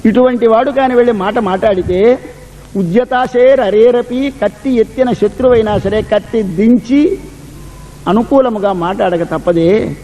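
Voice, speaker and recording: A man's voice: high voice, normal speed, long reverb tail, dull audio. A man giving a devotional discourse, quoting Sanskrit verses and explaining them line by line. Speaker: religious discourse speaker.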